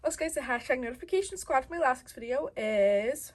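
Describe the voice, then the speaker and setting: Her voice sits high and is expressive and fast as this toy and slime channel host, nursing a head cold, runs a casual tutorial indoors in her bedroom. She keeps things bubbly and upbeat, saying "you guys" again and again, over loud air conditioner noise.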